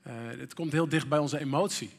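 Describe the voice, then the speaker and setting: A man's voice: on the high side, fairly even intonation, fairly quick, creaky, husky. A middle-aged man preaching a sermon in a church, candid and conversational, with frequent fillers. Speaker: pastor. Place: church hall. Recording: reverberant church hall.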